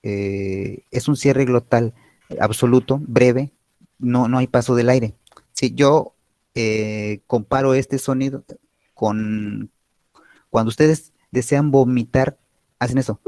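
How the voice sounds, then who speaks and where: A man with a Mexican Spanish accent, a Nahuatl-speaking teacher, patiently explains sounds at an online panel, pausing often with fillers and checking "¿sí?" with his listeners. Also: medium pitch, steady tone, dark tone, no echo.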